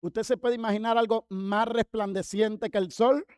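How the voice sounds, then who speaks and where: A male pastor preaching a sermon, lively, asking the congregation questions and acting out quotes. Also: high voice, moderate pace, clear, resonant tone, no room sound, clean studio sound. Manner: lively, talks to congregation by name, acts out quotes. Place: church.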